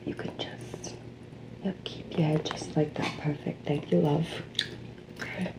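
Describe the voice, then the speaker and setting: A woman playing a pushy, flattering salon sales associate with a New Jersey accent in a whispered role-play, chewing gum as she talks. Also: lowish voice. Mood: soothing, attentive. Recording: clearly noisy background.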